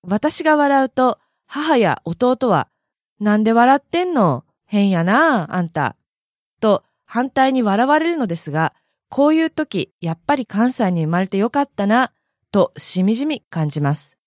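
Woman from Kansai, audio blog host, higher voice, very lively pitch, measured explanatory reading. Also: no echo, clean studio sound. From Kansai, Japan. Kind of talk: scripted narration.

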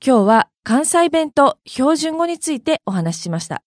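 Woman host from Hyogo, higher voice with lots of lift, dry close sound. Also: big pitch swings, moderate pace, no echo. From Hyogo, Japan. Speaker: audio blog host. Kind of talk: scripted explanatory talk.

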